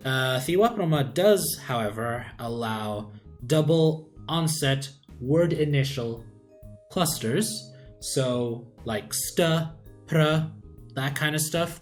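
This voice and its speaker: Slow, musing man explaining phonology. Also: mid-range voice. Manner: unhurried, thinking aloud with many "uh" pauses. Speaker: conlang creator explaining his language. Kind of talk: casual screen-share explainer. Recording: faint background music.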